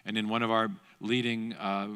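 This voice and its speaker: A man's voice: lowish voice, flat delivery, normal speed, sharp tone, smooth. A middle-aged man giving a lecture-style talk at a church seminar, telling a history story with restarts and asides. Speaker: guest speaker at a church seminar. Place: large church auditorium. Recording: long hall reverb.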